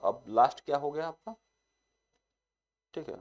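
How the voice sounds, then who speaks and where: A young man teaching an exam-prep lesson. He keeps repeating the same short filler and reads each example sentence slowly. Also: fairly high pitch, darkish tone.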